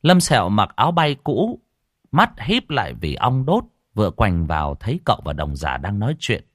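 A man narrating an audio story in a lively storytelling voice. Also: on the low side, moderate pace, dry recording, studio quality.

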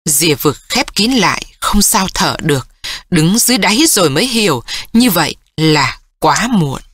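A woman reading a novel aloud in calm, measured scripted narration, raising her voice for the daughter's lines. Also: fairly low pitch, breathy edge, no echo. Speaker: audiobook narrator.

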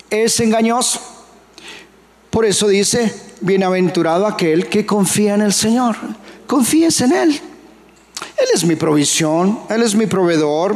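A man's voice: high-pitched, big-room sound. A man with a Colombian Spanish accent preaching a sermon as pastor, emphatic and firing rhetorical questions at the congregation. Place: church hall.

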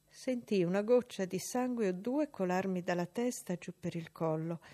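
A woman reading a classic novel as an audiobook, measured and expressive. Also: medium pitch. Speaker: audiobook reader. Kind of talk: literary audiobook narration.

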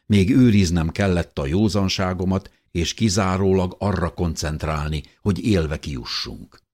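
A man reading a first-person audiobook in a steady, measured way. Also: low voice. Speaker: audiobook narrator.

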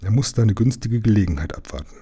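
Very dark-voiced man reading a storybook. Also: lowish voice, animated, fast talker, husky. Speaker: reader. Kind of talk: reading a children's book aloud.

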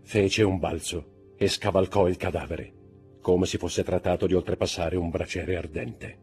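A man narrating a literary audiobook in a dramatic, measured way. His deep voice has a husky grain. Faint music plays softly behind him. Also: steady tone.

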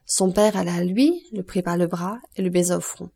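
A woman narrating a classic novel as an audiobook in a measured, expressive storytelling voice. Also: fairly low pitch, vocal fry, breathy edge.

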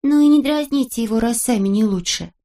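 A woman's voice: fairly high pitch, brisk, mellow, pitched above the performer's own voice, lightly acted. A woman voicing a sensible little girl who argues firmly and reasonably. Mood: reasoning. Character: sensible little girl taking a friend's side.

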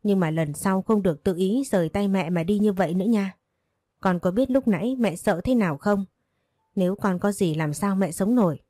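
A woman's voice: mid-range voice, normal speed, mellow, no room sound, natural voice. A woman narrator voicing a protective, worried young mother in an audiobook story. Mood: tearful.

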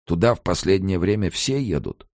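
A man's voice: deep voice, expressive, normal speed, darkish tone, dry recording, clean studio sound, pitched above the performer's own voice. A man voicing an anxious old male emigrant without papers, talking in a fretful, muttering way. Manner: fretful muttering inner monologue.

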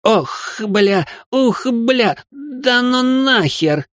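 A man's voice: animated, brisk, a little mellow, no echo, clean studio sound, close to an everyday voice. A man voicing a prissy young male aristocrat who is easily shocked and talks in a whiny, exasperated way, in a comic storybook reading. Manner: whiny, exasperated, high strained voice.

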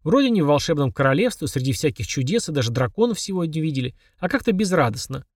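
A man reads scripted audiobook narration in a somewhat high voice, fast and lively, raising his pitch for characters. The sound is dry and close with no echo or room around it, yet it was also recorded from a distance.

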